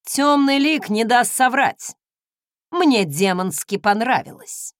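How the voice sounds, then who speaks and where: A woman's voice: a little high, animated, slow, dry recording, studio quality. A woman voicing a smug, teasing husband in an audiobook, speaking with a purring, mocking smirk. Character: smug teasing husband, adult man, magic-dabbling noble. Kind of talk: audiobook character reading.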